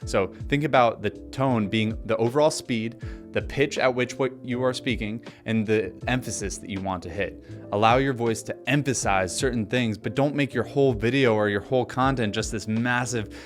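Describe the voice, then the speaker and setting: A man giving an energetic instructional talk to camera, coaching people on speaking, deliberately shifting his speed and pitch for emphasis. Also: faint music behind. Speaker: presenter teaching on-camera speaking.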